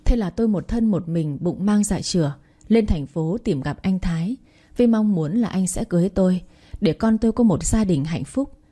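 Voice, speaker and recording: A woman's voice: on the low side, animated, moderate pace, dark tone. A young woman from Thanh Hóa narrating a sad story in the first person, in a plaintive, emotional way. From Thanh Hóa, Vietnam.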